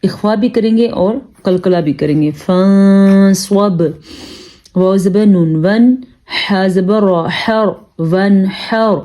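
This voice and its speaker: A woman with a mellow, warm voice teaches Quran reading in a calm, instructive tone. She explains the rules at a brisk pace, then spells out syllables slowly and carefully. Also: medium pitch. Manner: calm instructive tone, addresses listeners as "janab". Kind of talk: tajweed lesson, spelling out syllables.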